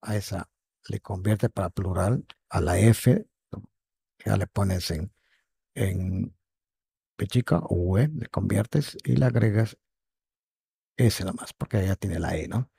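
A man teaching an online English lesson at an unhurried pace. His low voice is gravelly and husky. He patiently repeats words and keeps checking in with his students, recorded close and dry. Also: warm tone, no room sound. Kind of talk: online lesson explaining grammar.

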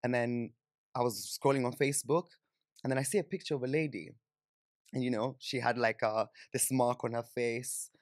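Speaking at a moderate pace with fairly even intonation, this young Kenyan-accented man shares personal stories as a podcast guest, sprinkling in plenty of "like" and "you know." His medium-pitched voice is captured by a close boom-arm studio mic as he sits on a sofa in a small indoor studio. The studio-quality sound has no echo.

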